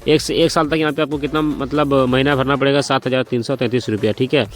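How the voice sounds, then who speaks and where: Guy going thru bike finance math fast, repeats every number, chatty with viewers, faint music under it. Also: medium pitch, fairly even intonation. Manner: repetitive, walks through sums step by step, addresses viewers as brothers and friends; speaking slowly and deliberately by choice. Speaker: motorcycle finance explainer. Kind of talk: casual explainer vlog.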